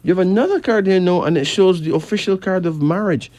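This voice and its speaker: A man's voice: sits high, fast, a little mellow, no echo. A man from Barbados, chatting and reading cards, emphatic with rising questions. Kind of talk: casual chat and card reading.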